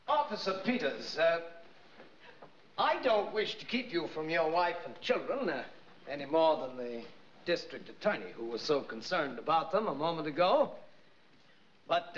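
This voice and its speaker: An actor playing a shrewd, sardonic defense attorney in an old courtroom film, speaking theatrically with pointed, drawling pauses. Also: male voice, on the high side, fairly bright tone. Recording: noisy, muffled old film soundtrack.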